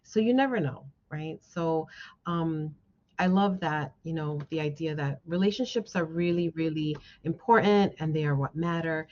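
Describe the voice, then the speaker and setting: A woman with a low, somewhat dark voice speaks at a moderate pace as a guest speaker, a social worker, delivering an encouraging motivational talk to a class and frequently checking in with her audience. The recording sounds dull, band-limited and lo-fi.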